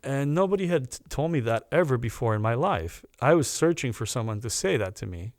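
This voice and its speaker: Man, podcast guest, casual storytelling, animated, mid-range voice, dry room. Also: mid-range voice, a little fast, dry recording. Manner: animated anecdote teller with restarts.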